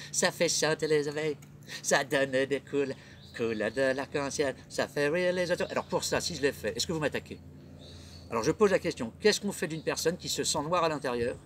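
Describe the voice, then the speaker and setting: A man's voice: mid-range voice, slight background noise. A middle-aged man hosting his own comedy web show, rambling through a theatrical monologue full of rhetorical questions. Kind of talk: casual monologue.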